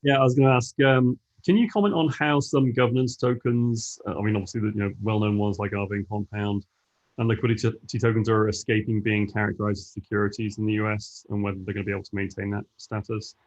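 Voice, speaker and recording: A man with a fairly low voice asks his question from the audience. He talks very fast. His words come out slightly mumbled. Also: steady tone, highs cut off. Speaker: audience member asking a question. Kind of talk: conversational Q&A.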